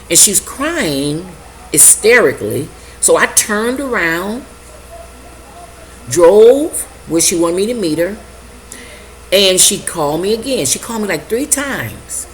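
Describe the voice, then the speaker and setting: An older woman telling an emotional personal story, halting and repeating herself as she acts out her own reactions. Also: on the low side, a little hiss or hum, low-quality recording. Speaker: vlogger sharing a personal testimony.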